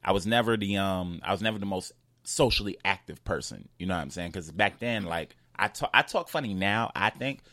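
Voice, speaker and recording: A man's voice: low-pitched, brisk, pushed and bright, no echo, clean studio sound. A young man from New York with a slight lisp, a comedian telling loose, profane stories in a casual interview. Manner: loose, storytelling, cursing freely. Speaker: comedian guest.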